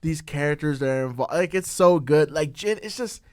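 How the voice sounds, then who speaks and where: A young man co-hosting a podcast, chatting casually and excitedly with lots of fillers and restarts. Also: on the high side, moderate pace. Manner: rambling, excited, heavy on fillers. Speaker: podcast co-host. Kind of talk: casual chat.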